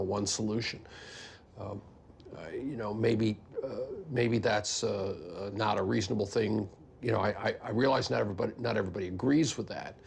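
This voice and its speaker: A man's voice: lowish voice, gravelly, a little hiss or hum. An older man, a scientist, explaining his views conversationally in a documentary interview. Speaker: geneticist interviewee.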